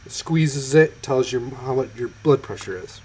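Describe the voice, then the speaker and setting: A man co-hosting a podcast, talking loosely and chattily with plenty of ums and likes. His voice is mid-pitched and ordinary. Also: normal speed, darkish tone, slight background noise. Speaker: podcast co-host. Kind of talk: casual chat.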